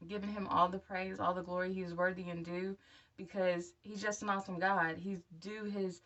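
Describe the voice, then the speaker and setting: A woman's voice: on the low side, pushed and bright. A woman in her thirties who is a new denture wearer, talking candidly and encouragingly to viewers in a casual personal video update. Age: 30s. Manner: candid, encouraging direct address. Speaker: vlogger. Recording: voice somewhat far from the mic.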